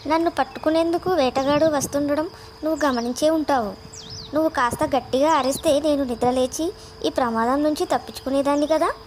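A man's voice: extremely high pitch, fairly quick, a little hiss or hum, pitched above the performer's own voice. A man voicing a proud, vain female peacock in a children's storybook, with a haughty, scolding manner. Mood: reproachful. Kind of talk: storybook character voice.

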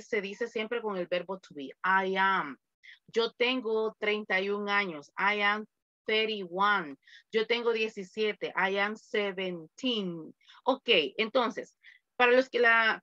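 A woman's voice: mid-range voice, sharp tone, dry recording, lo-fi sound. A woman from El Salvador, teaching an online English class in a chatty way with lots of examples.

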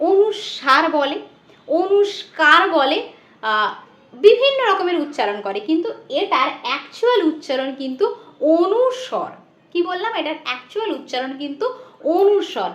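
High-voiced woman teacher, echoey room. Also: fairly bright tone. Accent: Bengali. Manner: explains patiently and answers her own questions; chants children's rhymes slowly. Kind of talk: exam-prep lesson. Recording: dull lo-fi audio in an echoey room.

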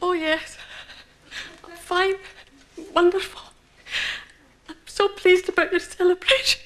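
A woman's voice: very high voice, fairly even intonation, slow pace. An actress playing an overwrought woman in a sitcom who puts on gushing, strained cheer. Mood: forced cheer. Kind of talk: 1980s British studio sitcom acting. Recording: very noisy old studio TV tape.

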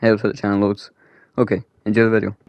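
A young man hosting a gaming channel, chatting casually and shouting excitedly while he plays. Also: on the low side, rapid-fire, dull audio. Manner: excitable, loud exclamations.

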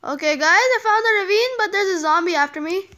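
A young woman chatting excitedly while playing a video game, with frequent exclamations. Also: extremely high pitch, fairly quick. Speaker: gamer. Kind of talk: casual game commentary.

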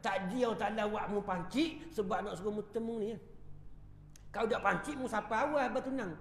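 Terengganu malay preacher guy, high gravelly voice, jokey, echoey hall. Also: normal speed, fairly bright tone, a little hiss or hum. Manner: humorous storytelling with chuckles and call-outs. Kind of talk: evening mosque lecture. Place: prayer hall.

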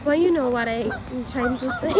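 High-voiced chatty woman vlogging. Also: lively intonation, a little slow, background noise. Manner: chatty and playful, with little laughs. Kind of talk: casual vlog narration.

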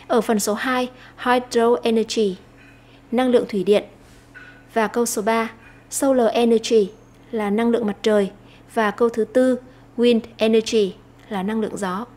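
A Vietnamese woman teacher explaining an English lesson, slowing down to read English phrases aloud. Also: fairly high pitch, a little mellow.

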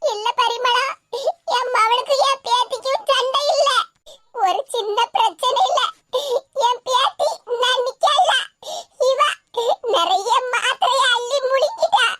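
A woman's voice: very high-pitched, takes it slowly, sharp tone, no room sound, exaggerated voice. A woman voicing a tearful old grandmother. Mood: sorrowful. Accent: Tirunelveli Tamil. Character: grieving old grandmother, soft-hearted and tearful. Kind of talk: animated cartoon voice acting.

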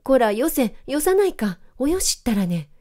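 A woman voicing a brisk young boy in a storybook reading. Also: high voice, big pitch swings, a little mellow, voice pushed up. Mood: scolding. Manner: brisk, scolding.

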